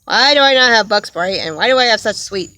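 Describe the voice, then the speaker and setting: A woman's voice: on the high side, expressive, a little fast, pushed and bright, dry recording. A young adult woman talking casually in a rambling vlog monologue, laughing often and breaking off to apologize. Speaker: vlogger.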